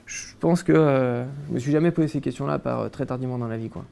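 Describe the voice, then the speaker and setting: A man's voice: mid-range voice, fast talker, creaky, mellow. A young man from France, a guest in a casual interview, recounting his childhood with many hesitations and restarts.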